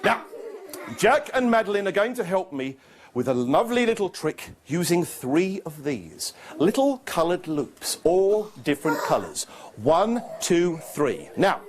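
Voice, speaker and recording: Casting: male kids' party magician, playful live patter, very animated delivery, noisy room recording. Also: sits high, unhurried. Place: live performance before an audience of children.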